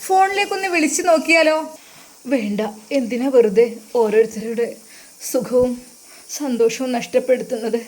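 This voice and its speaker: Young wife, restrained sorrow, the narrator voices her in a high voice. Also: moderate pace, long pauses, close to an everyday voice. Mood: sorrowful. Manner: restrained, sad.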